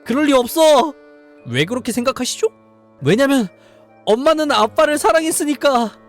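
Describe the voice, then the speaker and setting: A man voicing a frightened young girl who pleads in a high, tearful voice. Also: very animated, normal speed, soft background music. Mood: pleading. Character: frightened young girl searching for her father.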